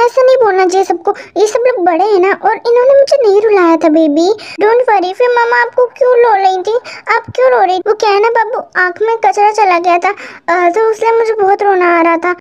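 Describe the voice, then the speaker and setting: A woman voicing a remorseful mother who apologizes slowly and soothes gently in a fan storybook reading. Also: very high-pitched. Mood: soothing.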